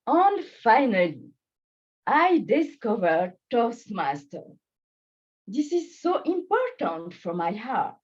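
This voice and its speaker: This woman, Bangladeshi-born and French-raised with French as her first language, carries a French and Swiss French accent as she presents a prepared personal speech at a speaking club, measured and full of pauses. Her voice is a little high, a little mellow and slightly rough, in lo-fi sound.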